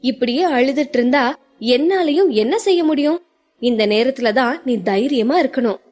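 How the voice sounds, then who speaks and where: A woman voicing a quick, firm young woman who scolds and coaxes a friend, in an audio story. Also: sits high, a little mellow, faint music behind. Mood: firm coaxing. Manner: brisk, scolding, then coaxing.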